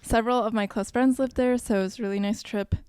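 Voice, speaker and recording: A woman's voice: on the high side, steady tone, quick pace, darkish tone, smooth, no echo. A young adult woman co-hosting a podcast, chatting casually with lots of "like" fillers and acted-out quotes. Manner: chatty, full of "like" fillers, acts out quoted speech. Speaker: podcast co-host. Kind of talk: casual chat.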